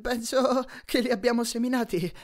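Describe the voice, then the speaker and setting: Brief: anxious satyr kid, read by a man in an audiobook, voice pushed high and breathless. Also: normal speed, fairly bright tone. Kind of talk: audiobook character reading.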